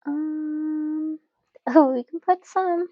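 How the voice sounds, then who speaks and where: A young woman talks through her journaling in a slow, unhurried way, her voice sitting a little high. She is relaxed and giggly, with plenty of fillers. The sound is dry and close, with a slightly dull, lo-fi tone. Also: no echo. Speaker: journaling channel host. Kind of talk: casual chat while journaling.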